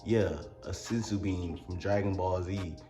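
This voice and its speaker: A man's voice: deep voice, steady tone, a little slow, dark tone, echoey room, soft background music. A man with a Mississippi accent reviewing an album in a rambling, joking way with crude asides. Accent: Mississippi Southern US. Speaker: music reviewer. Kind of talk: comedic album review vlog.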